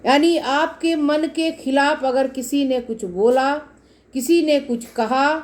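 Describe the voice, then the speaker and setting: A woman's voice: high-pitched, slow, a little mellow. A woman giving a casual tarot reading to her viewers, explaining each card at length and speaking to them directly. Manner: explains cards repetitively, addresses viewers directly. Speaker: tarot reader.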